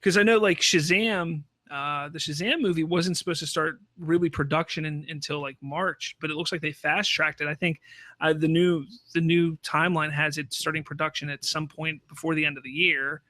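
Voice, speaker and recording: A man hosting a podcast, chatting casually about film news in a halting way with repeated restarts. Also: fairly high pitch, steady tone, pushed and bright, no room sound. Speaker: podcast host.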